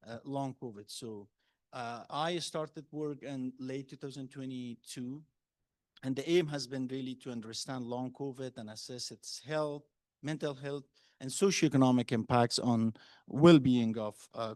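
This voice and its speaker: A man from Afghanistan, a public health policy advisor, speaking on a panel with many pauses and filler sounds. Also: medium pitch, darkish tone, no room sound, poor audio. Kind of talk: panel talk. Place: exhibit hall panel.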